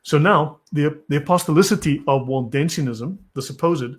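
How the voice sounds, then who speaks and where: A fairly high-pitched South African channel host talks at normal speed during his live stream. Between reading article passages, he answers viewers' comments in a curt, impatient manner.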